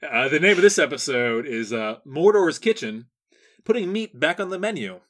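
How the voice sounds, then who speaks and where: A laid-back male podcast co-host with a bright, tense edge to his voice. He chats casually, laughs often and fills pauses with hesitant ums and uhs. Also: fairly high pitch, sing-song. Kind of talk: casual comedic chat.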